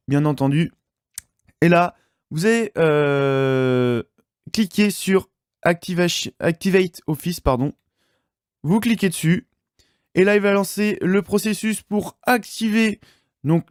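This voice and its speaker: A man hosting a casual screen-recorded software tutorial, talking with lots of fillers and self-corrections. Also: fairly high pitch, no echo, clean studio sound. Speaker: tutorial channel host.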